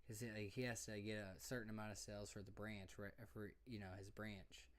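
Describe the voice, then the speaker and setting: A man's voice: fairly low pitch, flat delivery, a little fast. A young man chatting loosely on a podcast, circling back and repeating his points. He talks in casual slang, often throwing in "bro" and "you know what I mean". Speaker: podcast co-host. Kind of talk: casual drunken chat.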